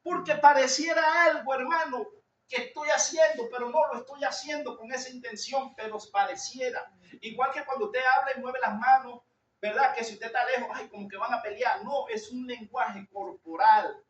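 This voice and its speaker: High-voiced, loud Venezuelan preacher in echoey church. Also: male voice, moderate pace, slight background noise. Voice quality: loud, shouting timbre. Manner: earnest, confessional, addresses listeners as brother. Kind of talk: sermon. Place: church hall. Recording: echoey hall, distant lo-fi mic.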